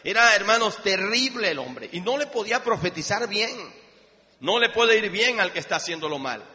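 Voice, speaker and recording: A pastor with a Mexican Spanish accent delivers an emphatic sermon and speaks straight to his congregation. His voice sits high and bright, with a forceful ring. The recording carries a long church reverb and a somewhat dull, lo-fi tone. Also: sing-song, moderate pace. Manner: emphatic preaching, addresses listeners directly.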